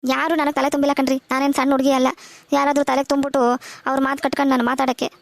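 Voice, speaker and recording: Woman voicing stubborn cartoon mother, insistent, quick, gravelly edge. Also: high-pitched, completely flat delivery, voice pushed down. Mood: defiant. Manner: insistent, repeats herself. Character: stubborn middle-aged village mother, bossy. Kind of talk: cartoon voice acting.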